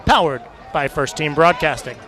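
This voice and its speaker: A man calling a college football game live on radio as the play-by-play announcer, with energetic, emphatic delivery. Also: fairly high pitch, normal speed, a crowd in the background. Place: press box at a college football stadium.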